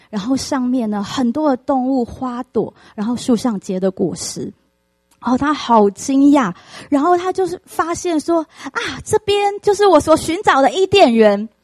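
A woman preacher giving a sermon, telling a story in an animated way with many fillers. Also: a little high, no room sound.

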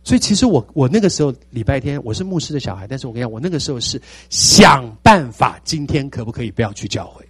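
A man in his sixties with a Taiwanese Mandarin accent, a pastor telling his testimony in a sermon with animated storytelling and repeated phrases. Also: mid-range voice, husky, no room sound. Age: 60s.

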